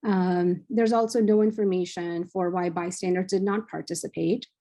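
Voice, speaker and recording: Young woman fellow presenting research; mellow, creaky voice, measured delivery with plenty of ums. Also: fairly low pitch, steady tone. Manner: measured, frequent "um" fillers. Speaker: cardiology fellow presenting at journal club. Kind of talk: academic presentation.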